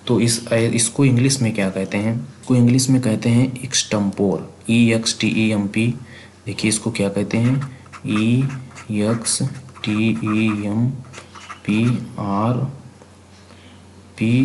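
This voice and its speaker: A man's voice: lowish voice, a little mellow, slight background noise. An Indian man teaching English vocabulary for exams, spelling words letter by letter and repeating himself as he asks and answers his own questions. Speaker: exam prep teacher.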